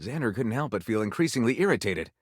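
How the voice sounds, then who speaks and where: A melodramatic male game narrator spins lurid fantasy tales in a scripted storytelling style, his pitch sweeping widely through theatrical, suspenseful phrases. He talks fast in a sing-song, husky voice, and the recording is dry with hardly any room sound.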